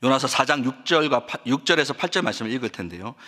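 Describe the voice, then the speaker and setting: A man's voice: mid-range voice, animated, fast talker, bright, forceful tone. A man, a pastor, delivering an impassioned sermon that rises and falls, recorded in a church sanctuary. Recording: long church reverb.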